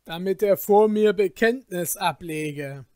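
A commanding caliph passing judgment in a storybook, measured and authoritative, slow and deliberate, as a male reader plays him. A dry, close recording with no room. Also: sits high, darkish tone, dry recording, voice pushed up. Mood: stern.

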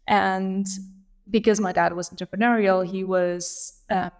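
A woman's voice: mid-range voice, steady tone, unhurried, clear, resonant tone. A woman in her thirties from Lithuania, a guest on a podcast, telling her story in a thoughtful, reflective way over a video call. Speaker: guest, operations leader. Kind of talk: casual interview chat. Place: small room at home. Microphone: video call with earbuds.

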